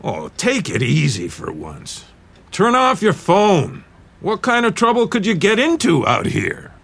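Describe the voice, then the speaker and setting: A man's voice: high-pitched, wildly swooping pitch, a little slow, creaky, fairly bright tone, slightly rough, full character voice. An actor playing an older father who teases his grown son fondly, in an audio drama. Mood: teasing.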